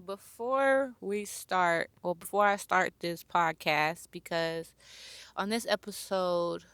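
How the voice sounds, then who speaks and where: A young woman hosting her own podcast, talking slowly and reflectively in a personal, heartfelt monologue and pausing to search for words. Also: on the low side, a bit bright, clear, resonant tone, no room sound. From born near Chicago, raised near Atlanta. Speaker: podcast host.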